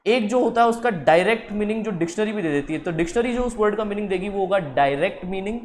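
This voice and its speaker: Guy teaching words, higher voice, slow on the bits, a bit of hiss. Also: lively intonation. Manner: explains with slow drawn-out English words. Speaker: English teacher. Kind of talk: spoken English lesson.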